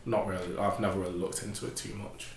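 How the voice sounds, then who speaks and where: A twenty-year-old man answers interview questions slowly and uncertainly, in a low, flat voice. The room around him is echoey, with faint background noise. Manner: unsure, slow and drawn out. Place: indoor room, seated in armchair.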